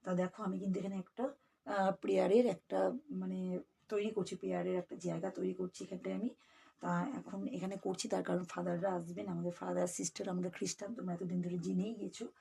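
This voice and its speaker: A woman chatting casually with her viewers in a home vlog, with a soft, friendly way of talking. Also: lowish voice, little pitch movement, a little fast, vocal fry, a little hiss or hum. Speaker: vlogger. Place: home flat.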